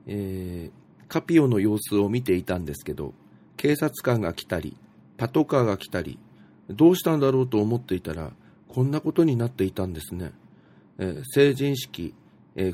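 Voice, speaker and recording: Relaxed low-voiced man musing aloud. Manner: relaxed, musing, many fillers and asides. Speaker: radio host reading out tweets. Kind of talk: casual talk show reading.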